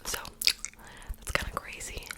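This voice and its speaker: Woman in a whispered role-play. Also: a little slow. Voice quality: unvoiced, breathy whisper. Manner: soft, casual, chatty, reassuring. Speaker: ASMR creator playing a piercer.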